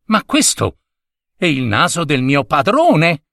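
A man's voice: sits high, wildly swooping pitch, slow pace, a bit bright, no echo, clean studio sound, pitched above the performer's own voice, full character voice. A man voicing a shocked, insistent housemaid in a storybook. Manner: startled, insistent exclamations. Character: shocked household maid, woman.

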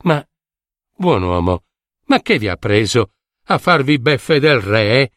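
A man's voice: mid-range voice, big pitch swings, slow pace, a bit bright, dry recording, clean studio sound. A man voicing a palace jailer who reports to the king earnestly.

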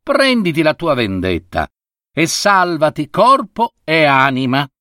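A man's voice: a little high, sing-song, unhurried, sharp tone, no echo, studio quality, full character voice. A man voicing a shrewd female monkey judge in a fable, with a harsh, insistent voice. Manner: pushy, insistent.

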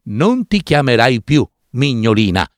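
A man voicing a tiny, kind male flower spirit prince who speaks gently and ceremoniously. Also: medium pitch, very animated, a little slow, no echo, clean studio sound. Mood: solemn naming.

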